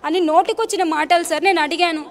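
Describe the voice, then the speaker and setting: A woman's voice: extremely high pitch, steady tone, quick pace. A young woman giving emotional interview testimony to a reporter, pleading and addressing him respectfully. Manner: pleading, repeatedly addresses the listener as sir.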